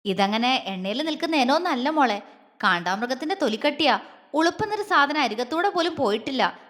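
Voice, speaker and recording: A woman voicing a fierce, blunt young female friend who speaks angrily and sharply. Her voice is high. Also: expressive, brisk, in a large hall. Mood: indignant. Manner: angry, sharp-tongued.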